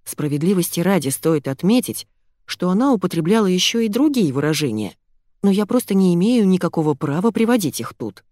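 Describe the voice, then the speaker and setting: A woman narrating a comic story in the first person, with a lively, ironic telling. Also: on the low side, fairly quick, no room sound, clean studio sound. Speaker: audiobook narrator.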